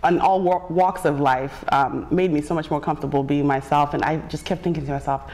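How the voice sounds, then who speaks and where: A woman's voice: sits low, steady tone, fairly quick, a little mellow. A woman from Zimbabwe, co-hosting a casual talk show and laughing often. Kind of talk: casual chat. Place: bright living-room studio set.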